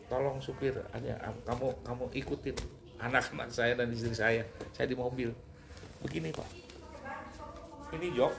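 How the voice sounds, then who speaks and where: A man's voice: mid-range voice, moderate pace, gravelly, long pauses, background noise. A middle-aged man, a guest in an interview, emotionally recounting a personal story. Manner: emotional, animated retelling with rising outbursts.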